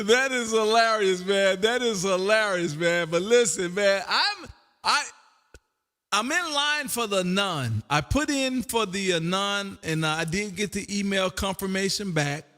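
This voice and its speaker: Over a long hall reverb, a man hosting a casual ham radio livestream from his home radio room speaks in a high, bright, forceful voice with lively intonation. He's a little slow but exuberant, folksy, and full of chatter.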